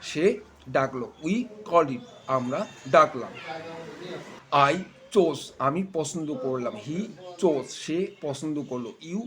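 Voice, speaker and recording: A man teaching an English tense lesson, slowly and deliberately repeating verb forms for the learners. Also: a little high, crowd noise. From Bangladesh. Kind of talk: spoken English lesson with drill repetition.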